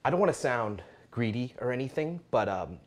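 A man's voice: medium pitch, very animated, fairly quick, close to an everyday voice. An actor in his thirties playing Richard, a broke, anxious cousin who stammers and pleads, recorded indoors in a house. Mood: pleading. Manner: hesitant, stammering, then pleading. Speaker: actor in a short film. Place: house basement and kitchen, indoors.

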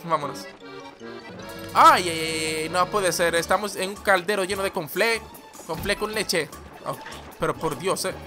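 Excitable man shouting over gameplay. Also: sits high, moderate pace. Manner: excitable, rambling, shouts at the game. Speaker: gaming channel host. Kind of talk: let's-play gameplay commentary. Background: game music.

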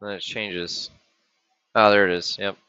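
Low, bright-toned man thinking aloud. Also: little pitch movement, a little slow, smooth, no echo. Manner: thinking aloud, with many ums and trailing restarts. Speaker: maker explaining a project. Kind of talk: casual screen-share walkthrough. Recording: dull, dry lo-fi webcam audio.

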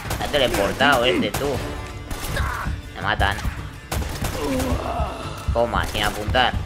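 A man casually commenting on a video game he is playing, excitable and swearing, talking to himself. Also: on the low side, slow pace. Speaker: gameplay commentator. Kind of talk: casual let's-play commentary. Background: game music and gunfire.

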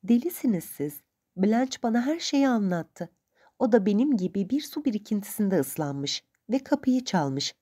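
A woman reading the lines of a spirited, proud young woman, speaking quickly and emphatically in a raised voice. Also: mid-range voice, sing-song, mellow, voice pushed up.

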